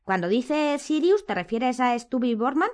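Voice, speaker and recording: A slow, drifting voice, a little raised: a woman playing a serene, oddly detached teenage girl in a storybook. She sounds unbothered and far away in her thoughts. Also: sits high, very animated, darkish tone, pitched above the performer's own voice. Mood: dreamy. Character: dreamy, calm odd teenage girl.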